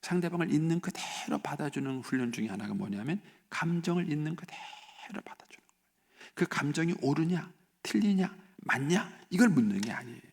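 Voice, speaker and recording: A man's voice: fairly high pitch, lively intonation, fairly quick, gravelly. A male pastor giving a conversational sermon at an early morning church service, with lots of filler words. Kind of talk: sermon at a dawn prayer service. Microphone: live-stream recording.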